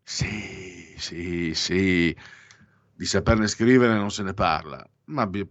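Low-voiced man rambling through anniversaries. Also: slow pace, no echo, muffled recording. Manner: digressive, many self-corrections and restarts; ironic asides. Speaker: radio or podcast host reading daily anniversaries. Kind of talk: casual spoken commentary with opinions.

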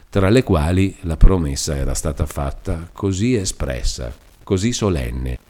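Deep-voiced man narrating a classic novel. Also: warm tone. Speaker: audiobook narrator. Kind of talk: literary audiobook narration.

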